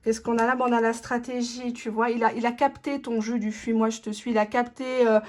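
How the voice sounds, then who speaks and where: A fairly high-voiced woman talks straight to the viewer as she lays out tarot cards, blunt and teasing. She drops in the partner's thoughts in first person, plain-spoken and unsparing. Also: level tone, a little fast, darkish tone, slight background noise. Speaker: tarot reader. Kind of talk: tarot reading monologue.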